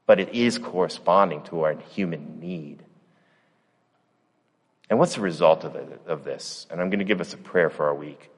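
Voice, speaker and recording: A man's voice: low-pitched, normal speed, husky. A man, the pastor, giving a conversational sermon with rhetorical asides. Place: church. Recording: long church reverb.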